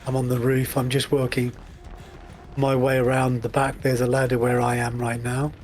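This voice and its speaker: A man plays a co-op game and makes dry, understated remarks. His delivery is flat and even in pitch. Clear background noise comes through from the game. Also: normal speed. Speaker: co-op teammate. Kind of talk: casual gaming chat.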